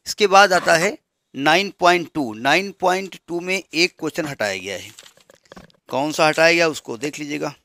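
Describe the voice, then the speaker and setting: Bright-voiced man teaching maths. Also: on the high side, lively intonation, normal speed. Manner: counts through numbers steadily, asks students if they follow. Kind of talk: classroom lesson explaining textbook changes.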